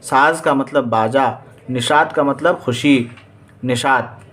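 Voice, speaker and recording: A man's voice: mid-range voice, fairly bright tone, a little hiss or hum. Man teaching Urdu vocabulary, repeating words. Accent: Indian Urdu. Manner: reads word then meaning, repeats and quizzes students. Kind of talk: exam vocabulary lesson.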